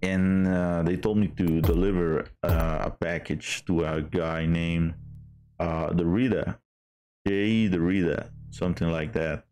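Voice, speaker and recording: A man's voice: deep voice, flat delivery, measured pace, darkish tone, clean tone. A man streaming a game in casual chat, hesitant with many fillers and restarts.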